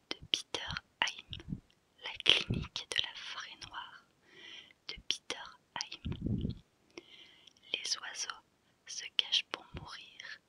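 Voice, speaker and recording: A woman whispering softly in a hushed, breathy library whisper, reading out a list in an ASMR style and repeating phrases. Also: no echo.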